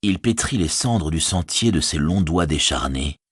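A man narrating a fantasy audiobook in a measured, expressive reading voice. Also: a bass voice, slightly rough.

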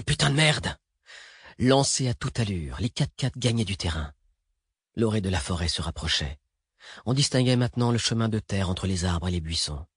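A man narrates a thriller in a steady, even read. His voice is low and very husky. It is recorded close and dry, with no room sound. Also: no echo. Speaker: audiobook narrator.

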